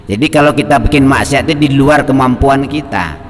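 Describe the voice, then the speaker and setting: A male Islamic preacher, teaching and telling a story in a lively, colloquial manner, quoting Arabic. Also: medium pitch, brisk, in a large hall. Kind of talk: sermon on a classical text.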